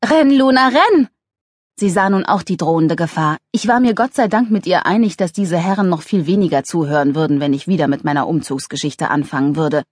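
A woman narrating a humorous novel with a lively, ironic delivery. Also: fairly quick, hardly any pauses, husky, no echo, clean studio sound. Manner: lively, ironic, voices characters with raised pitch. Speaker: audiobook narrator.

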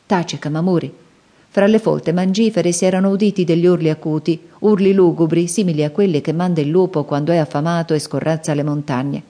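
A woman narrating an audiobook adventure novel in a measured, expressive way. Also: on the low side. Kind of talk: scripted narration.

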